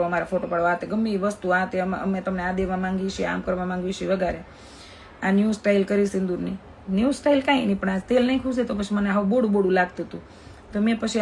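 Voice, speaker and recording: A woman's voice: mid-range voice, slight background noise. A woman in her thirties with a Kathiyawadi Gujarati accent, chatting in a live video and telling a story in an emphatic, talkative way. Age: 30s. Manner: chatty, fast-talking, emphatic. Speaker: social media influencer.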